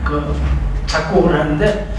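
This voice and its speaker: This older professor's public lecture takes place in a library training room, where the echoey, noisy recording picks him up from afar. He speaks unhurriedly in a steady, slightly high voice, chatting casually with restarts and rhetorical questions.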